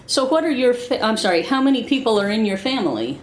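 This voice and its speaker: An American woman hosting a casual interview, explaining things to listeners in a halting, self-correcting way. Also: on the high side, big pitch swings, slight background noise. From Arkansas, United States. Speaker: host, interviewer. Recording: echoey room.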